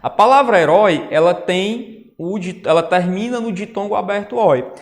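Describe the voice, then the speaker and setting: Male teacher in an online lecture, higher-pitched, in a reverberant space. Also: moderate pace. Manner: explanatory, says "né?" and "ó" often. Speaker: Portuguese teacher. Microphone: writing on a tablet while talking. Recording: long reverb.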